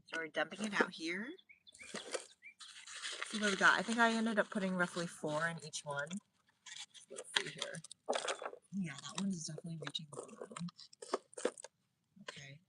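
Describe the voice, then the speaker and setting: Woman, gardening livestream host, chatty, a bit low, recorded on a phone at a distance outdoors, noisy background. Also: normal speed, long pauses. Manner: chatty, reads viewer comments aloud, talks while working. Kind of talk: casual live garden chat. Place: outdoor garden in light rain. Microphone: phone set up outdoors.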